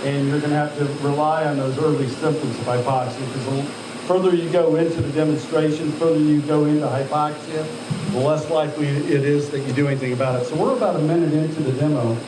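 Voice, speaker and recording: A man's slightly high voice, steady in tone and quick in pace, belongs to an altitude chamber instructor at work. He checks on his trainees as he instructs them hands-on, issuing directions, asking questions, and saying sir. Loud machinery hum fills the echoey, distantly miked recording.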